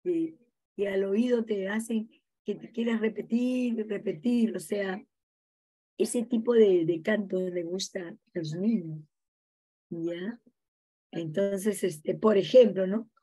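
A middle-aged woman teacher gives an informal class talk. She keeps checking in with her students and fills pauses with small words. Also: medium pitch, mellow, husky. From Peru. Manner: chatty, checks in with frequent "no?" tags and fillers. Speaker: college teacher.

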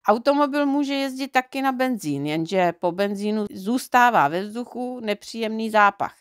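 A woman's voice: on the high side, lively intonation, dry recording, studio quality, close to an everyday voice. A woman voicing a friendly, chatty male driver in a storybook reading, explaining things at length.

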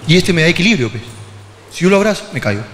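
A man with a Peruvian accent telling a comic story as a podcast host, animated and profane, often breaking into shouts. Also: fairly high pitch, fast talker, big-room sound, noisy background. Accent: Peruvian Spanish. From Peru.

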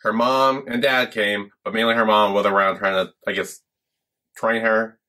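A man's voice: on the low side, steady tone, normal speed, sharp tone. A young man hosting a reaction video, commenting casually. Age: young adult. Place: small indoor room.

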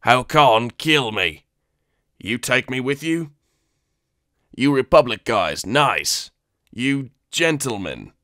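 A man voicing a frightened alien male informant who pleads in broken, halting speech. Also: medium pitch, sing-song, sharp tone, dry recording, studio quality, full character voice. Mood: pleading.

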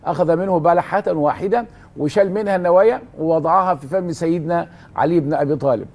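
In a TV studio talk show of religious storytelling, a man with an Egyptian Arabic accent asks rhetorical questions and zealously answers them himself. He talks at a quick pace, his pitch fairly high and tone a little mellow.

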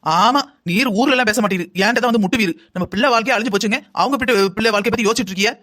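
A voice actor playing an angry middle-aged mother in a cartoon drama, scolding in a rapid-fire way. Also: medium pitch, a bit bright, natural voice. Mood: furious. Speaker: bride's mother.

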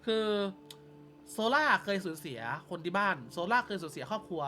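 Bright-voiced chatty male game commentator. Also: high voice, animated, moderate pace, faint music behind. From Thailand. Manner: chatty, constantly adds polite fillers. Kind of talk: casual gameplay commentary and story reading.

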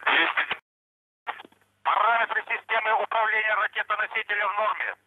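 A man's voice: high voice, moderate pace, slight background noise. A man giving formal, clipped mission control radio callouts as a launch announcer reading telemetry. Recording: tinny narrow phone-like radio line.

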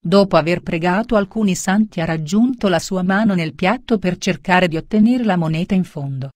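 A woman reading a storybook tale aloud at a steady pace. Her voice sits low and sounds dry and close, with no room around it. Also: fairly quick, no room sound. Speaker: narrator. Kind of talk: storybook narration.

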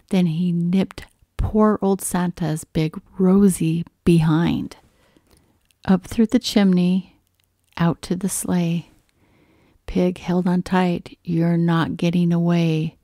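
Read-aloud host woman, slow gentle storytelling, mellow voice, dry close recording. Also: fairly low pitch, dry recording. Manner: gentle and expressive, often whispering. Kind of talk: children's picture-book read-aloud.

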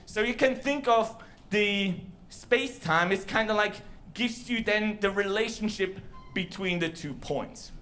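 A Swiss man in his 30s, with a light, high voice and a sharp tone, delivers a live science slam talk at a measured pace. Holding a handheld microphone on a large, dark theater stage, he explains casually and uses fillers.

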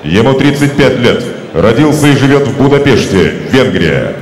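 A man's voice: mid-range voice, sing-song, moderate pace. A middle-aged man announcing boxing in a formal, ceremonial ringmaster manner, drawing out names into a handheld microphone. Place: indoor boxing arena, in the ring. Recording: echoey arena PA, long reverb.

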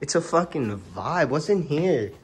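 A man's voice: fairly high pitch, expressive, unhurried. A man vlogging a road trip with his friends, talking in a joking, slangy, playful way from a car and a rented house. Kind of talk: casual road trip vlog. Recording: noisy car and street background.

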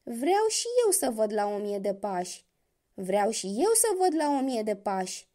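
A huge, dim-witted horned devil from a children's storybook, as a woman storyteller puts him on, loud, grabby and full of bluster. His voice leaps up and down in pitch. The tone stays soft and dark rather than bright. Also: sing-song, natural voice. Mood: greedy, eager. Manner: loud, greedy and boastful, laughs maliciously. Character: big foolish ugly horned male devil.

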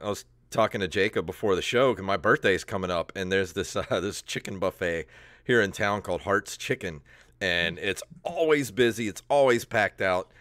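Podcast host, man, 30s, animated storyteller, low voice, dry close headset. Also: moderate pace, dry recording. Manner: animated storyteller, laughs often. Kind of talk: casual chat. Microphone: headset on video call.

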